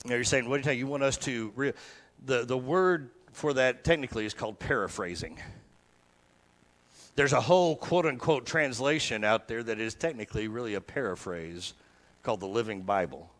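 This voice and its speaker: A male pastor giving a sermon, reading verses slowly and repeating them with soft, falling emphasis, then talking plainly to the congregation. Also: mid-range voice. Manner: slow repetitive scripture recitation, dropping soft; conversational teaching with sudden emphatic rises.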